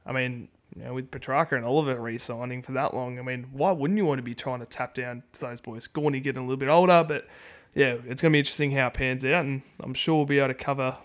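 A man's voice: medium pitch, fairly even intonation, quick pace. Australian male podcast co-host, colloquial football chat, loose rambling delivery, recorded in a country shed. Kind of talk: casual football discussion.

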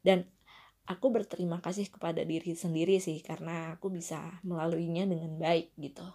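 A young woman calmly sharing a personal story in a casual monologue, with many fillers and asides. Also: lowish voice, brisk. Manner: reflective, frequent fillers and asides.

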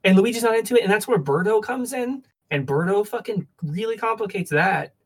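A woman's voice: medium pitch, a little fast, breathy edge. A woman co-hosting a streamed podcast, chatting casually and playfully, with swearing rants. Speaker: podcast co-host. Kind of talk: casual chat.

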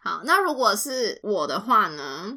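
A woman's voice: medium pitch, sing-song, a little slow, pushed and bright. A young woman, co-hosting a casual podcast chat, playfully posing dilemmas with vivid examples. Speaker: podcast co-host.

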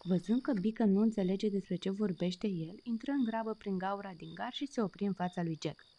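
A woman reading a bedtime story aloud in a soft, gentle way. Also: medium pitch.

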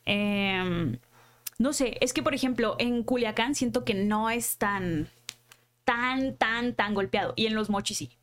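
A woman's voice: on the high side, unhurried. A young woman with a northern Mexican Sinaloa accent, chatting casually on a podcast and laughing often. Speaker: podcast host.

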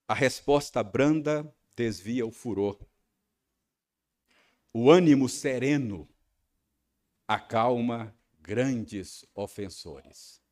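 Man, Brazilian accent, pastor preaching, slow and deliberate, lively swooping pitch, storytelling. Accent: Brazilian Portuguese. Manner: storytelling, acting out his own angry rehearsal; frequent tag questions. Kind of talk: sermon.

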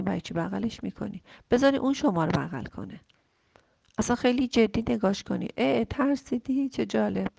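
A woman counselor giving calm advice to a worried parent. She speaks softly and slowly, repeats key phrases gently, and often drops to a whisper. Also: mid-range voice, vocal fry, no echo. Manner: soft and slow, often dropping to a whisper. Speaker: family counselor answering a listener question.

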